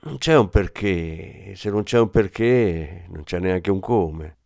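Male audiobook narrator, very deep, dry sound, measured and somber. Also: expressive, vocal fry, a little mellow, no room sound. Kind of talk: audiobook reading.

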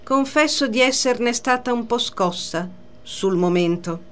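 A woman reading the part of a poised mistress in a radio play, composed and measured. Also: fairly high pitch, animated. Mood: cool. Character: poised mistress, cool and cutting.

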